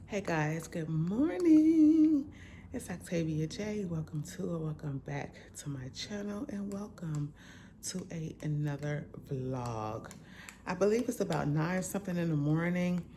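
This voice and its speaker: A woman hosting her vlog from home in a relaxed, chatty, slangy way, still in her groggy morning voice. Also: sits low, moderate pace, a little hiss or hum. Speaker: vlogger host. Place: at home, indoors.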